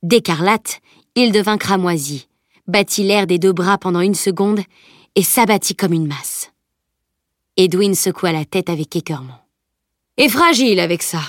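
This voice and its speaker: A woman narrating a novel as an audiobook reader, telling the story in a steady voice. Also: on the low side, normal speed, no echo, studio quality. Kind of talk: scripted narration.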